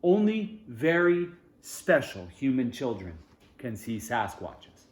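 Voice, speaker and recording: Reading a children's storybook aloud, a man uses a medium-pitched voice full of lively rises and falls, tossing in informal asides. He phrases expressively and pauses between short phrases, while the room lends a clear echo.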